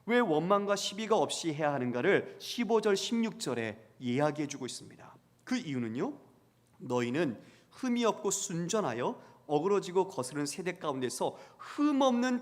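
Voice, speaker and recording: A man preaching as a pastor who asks the congregation questions and acts out the voices he quotes. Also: fairly high pitch. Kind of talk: sermon. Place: church sanctuary. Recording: long church hall reverb.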